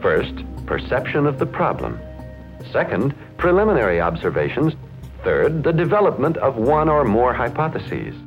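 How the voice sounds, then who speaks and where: A man giving formal scripted narration in an old newsreel, with a measured announcer-like delivery. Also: mid-range voice, big pitch swings, soft background music. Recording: dull lo-fi old newsreel audio.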